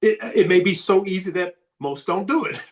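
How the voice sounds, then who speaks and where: Speaking fairly quickly in a high-pitched, slightly hoarse voice, a man plays a sports recruiting coach on a podcast. He's emphatic and keeps hammering home his main points.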